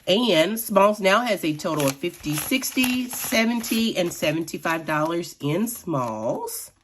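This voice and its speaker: Raspy-voiced woman chatting through a budget. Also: on the low side, animated, unhurried, slight background noise. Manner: chatty, counting cash out loud. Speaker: budgeting vlogger. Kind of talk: casual vlog narration.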